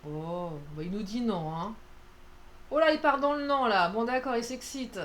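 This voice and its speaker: A woman's voice: fairly high pitch, lively intonation, normal speed. A woman doing a casual, playful card reading, chatty and self-mocking with lots of fillers. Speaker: tarot card reader.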